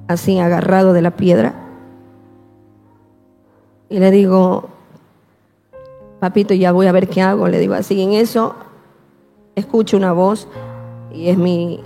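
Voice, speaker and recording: A woman with a gravelly, mellow voice recounts her testimony at a slow, emotional pace, often circling back to repeat a phrase. Her voice carries a long reverb, as if in a large hall, with soft music behind it. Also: medium pitch. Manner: slow, repeating herself, quoting prayers. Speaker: guest telling her testimony.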